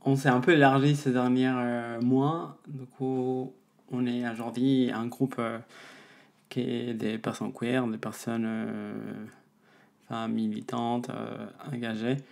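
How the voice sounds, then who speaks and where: Interview guest, woman. Slow, even, creaky delivery. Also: very deep voice. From Mexico. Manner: halting, searching for words. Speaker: guest, musician. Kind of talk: interview answers.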